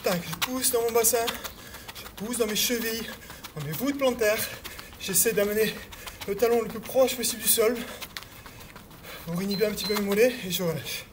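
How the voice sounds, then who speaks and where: A man whose voice sits high coaches a cardio workout as he does it himself, speaking at normal speed and pausing often. He uses many fillers, counts beats out loud, presses for more speed and sounds slightly out of breath. The recording is noisy and clicky.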